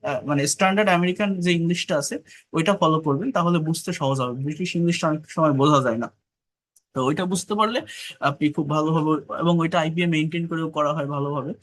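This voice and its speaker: English tutor, Bengali-man, slightly high voice, slow repeated reading then brisk coaching. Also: a bit bright. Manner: slow, repeats phrases while reading dialogue. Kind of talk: online English class.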